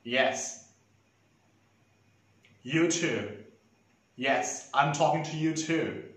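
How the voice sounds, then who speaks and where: Haughty, camp fashion-designer boss played by a man, slightly high voice, slow condescending delivery, audition monologue. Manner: condescending, theatrical, drawn-out rhetorical questions. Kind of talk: acted audition monologue to camera. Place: indoors, plain dark backdrop, echoey room. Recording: very echoey room.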